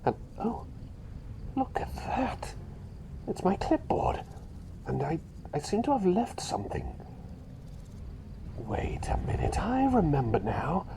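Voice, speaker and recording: In an ASMR personal-attention roleplay, a man plays a mild, flustered doctor who has become a small talking bird, speaking softly and breathily, often in a whisper, hesitating, rambling and repeating phrases in a musing mood. His full character voice is a little high with huge pitch swings, slow and full of pauses, recorded on a close ASMR mic with clear background noise.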